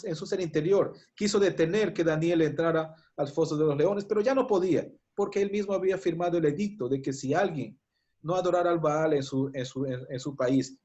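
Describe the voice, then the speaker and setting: A man's voice: fairly high pitch, darkish tone, highs cut off. A man with a Peruvian Spanish accent preaching a sermon, telling biblical stories fervently with frequent stumbles and restarts. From Peru.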